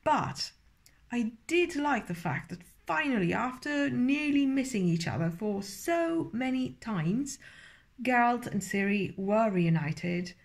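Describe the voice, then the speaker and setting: Female vlog reviewer, slightly high voice, tipsy, loose rambling delivery, hesitant phrasing. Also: lively intonation, slow pace, gravelly. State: tipsy from drinking. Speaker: video reviewer. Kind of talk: casual, rambling episode review.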